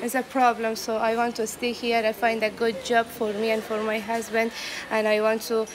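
Young woman from Afghanistan, higher voice, flat, hesitant, outdoor camp noise. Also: normal speed. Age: 20s.

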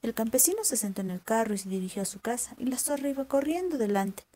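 A woman narrating a children's folk tale with clear, measured storytelling. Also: a little high, animated, dark tone.

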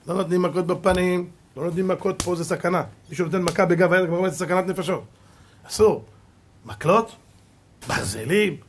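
Husky high-voiced rabbi teaching. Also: male voice. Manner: emphatic preaching with sudden loud and soft swings; storytelling with acted quotes. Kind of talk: Torah lesson.

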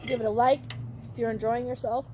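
A woman's voice: on the high side, steady tone, brisk, darkish tone, slight background noise. A woman hosting a casual vlog outdoors, chatting and asking viewers to like and subscribe. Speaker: vlog host. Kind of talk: casual chat.

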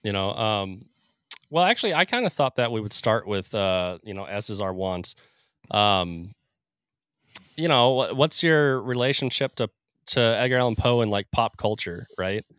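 Man, casual podcast co-host, low voice, dry close sound, rambling with fillers. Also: animated, normal speed, fairly bright tone, smooth, dry recording. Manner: laughs often, rambling with fillers. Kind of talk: casual chat.

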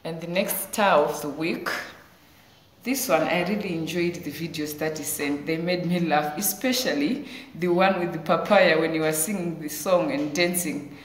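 A woman teacher gives an online assembly for small children, praising them warmly and encouragingly. Her voice sits fairly low. The recording sounds roomy and echoey, with a faint hiss underneath. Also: moderate pace. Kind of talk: online school assembly address. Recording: echoey room with faint noise.

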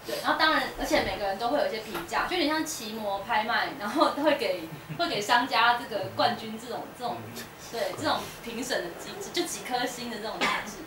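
Fast-talking woman in an echoey room. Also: on the high side. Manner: chatty, many fillers and restarts, laughs often. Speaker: guest speaker at a bookstore talk. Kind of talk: casual public talk with audience. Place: indoor bookstore event space. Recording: roomy echo, distant mic, noisy room.

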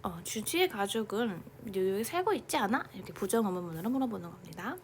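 A young woman teaching English grammar in a casual online lecture, chatting informally and reading example sentences slowly, now and then dropping to a near-whisper. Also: mid-range voice, animated, a little hiss or hum.

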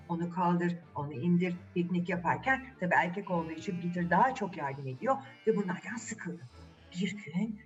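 A woman storyteller tells a children's fairy tale in a theatrical, expressive style, speaking directly to the young listeners. Her voice is lowish, the mic is distant, and the high frequencies are cut off.

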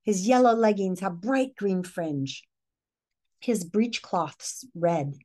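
This read-aloud presenter, a middle-aged American-accented woman, shares a picture book indoors in a living room with an animated, mellow, mid-range voice. She reads with expression and pauses in a teacherly way to question her young audience.

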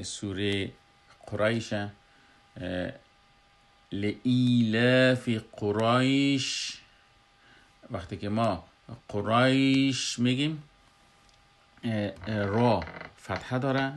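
A man with an Afghan Dari accent explaining a Quran recitation lesson, pausing often with filler sounds. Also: fairly low pitch, gravelly, slight background noise. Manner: halting, frequent filler hesitations.

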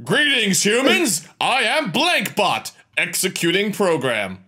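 A man putting on a robot voice, announcing himself to humans in a slow, stiff, mechanical way over a video call. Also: sits high, very animated, pushed and bright, heavily acted. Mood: deadpan.

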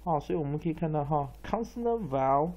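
A man teaching English pronunciation, spelling out letters and repeating words to drill them, often ending phrases with a soft "ha". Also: fairly high pitch, animated, quick pace, lo-fi sound. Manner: tags phrases with a soft "ha" particle. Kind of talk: pronunciation lesson.

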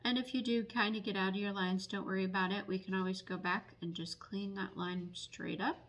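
A woman teaching barn quilt painting at a table in a casual, unhurried tutorial full of ums. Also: mid-range voice, steady tone, slight background noise. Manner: unhurried, many ums, explanatory. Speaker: painting instructor and paint retailer.

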